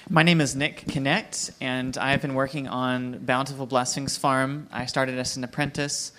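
A man's voice: mid-range voice, little pitch movement, moderate pace, bright, forceful tone, a little hiss or hum. A man introducing himself on a panel in a hesitant way, with several fillers. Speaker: panelist, market manager.

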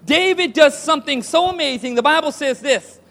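A man's voice: very high voice, moderate pace, pushed and bright. A man preaching a sermon to a congregation, asking rhetorical questions and calling for responses. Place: church hall with audience.

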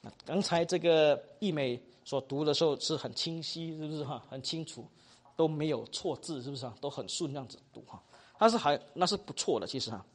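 一位马来西亚口音的男讲道老师在课堂上授课，说话生动随意，句尾常带"哈"。. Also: male voice, a little high, brisk. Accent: Malaysian Mandarin. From Malaysia. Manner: animated, chatty, ends phrases with 哈. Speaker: preaching instructor. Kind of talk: classroom teaching.

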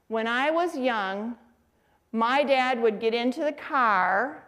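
A middle-aged woman teaching a Bible study, with a somewhat high voice. She tells lively stories and keeps asking the group to answer back. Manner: lively storytelling, asks the audience questions. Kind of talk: faith-based teaching talk.

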